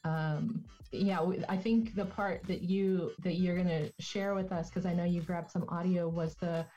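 A woman guest on a podcast tells stories in a relaxed, chatty way and laughs easily. Her voice sits low and sounds warm. The recording is dull and lo-fi, with faint music underneath. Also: normal speed. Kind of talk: casual conversation.

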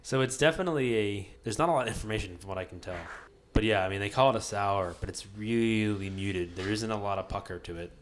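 A man with a low voice hosts a relaxed podcast conversation. He talks loosely, hedges often and restarts his sentences. A faint hiss sits under the recording. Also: quick pace. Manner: rambling, hedging, many restarts. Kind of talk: casual chat.

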